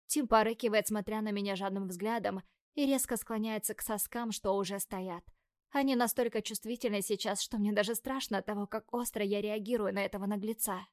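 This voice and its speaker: A woman narrates a first-person audiobook with lively, expressive delivery and breathy whispers. Her voice sits in a middle pitch. The recording is dry, with no room sound. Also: no echo.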